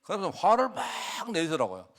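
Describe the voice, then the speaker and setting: A man preaching a sermon as pastor, talking conversationally and often asking the congregation questions, with lively swings in pitch and loudness. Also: fairly quick.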